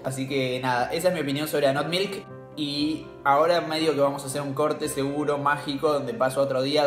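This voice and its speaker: A man's voice: mid-range voice, echoey room. A man with an Argentine accent hosting a casual tasting vlog, chatty and slangy, laughing often. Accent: Argentine Spanish. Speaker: cooking channel host.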